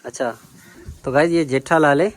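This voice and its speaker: This casual interview and talk to camera comes from a Sindhi village vlogger in Pakistan, speaking with workers out in the farmland. He asks brief questions, echoes each reply back, then addresses the camera. His pitch is fairly high, his speed normal, and there's no echo.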